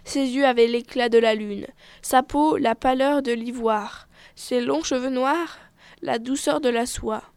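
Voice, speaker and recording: A woman reading a fairy tale aloud in an expressive, measured storytelling manner. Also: on the high side, clean tone, no echo.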